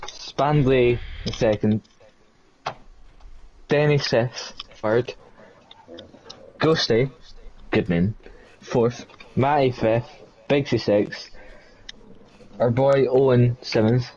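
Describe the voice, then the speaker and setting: A man's voice: mid-range voice, fairly even intonation, extremely slow, pauses often, darkish tone, a little hiss or hum. A man co-commentating a live esports race in a laid-back, dryly joking way. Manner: laid-back, dry jokes, reads out the grid. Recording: dull lo-fi mic.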